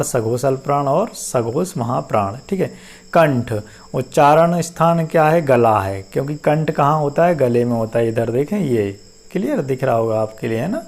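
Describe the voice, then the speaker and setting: A man teaching a class, who explains step by step, repeats each term, sounds out syllables slowly and often asks whether it is clear. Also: on the high side, a little mellow. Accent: Hindi-speaking North Indian. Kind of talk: classroom-style lecture.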